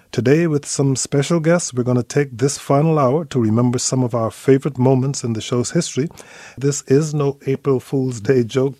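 An older man from Guyana hosts a radio talk show, speaking in a measured, deliberate way. His voice is dark and mellow, recorded close and dry with no room sound. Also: mid-range voice, no echo.

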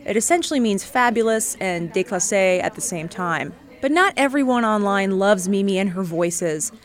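A woman reporter giving measured, scripted narration for a radio feature story. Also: mid-range voice, expressive.

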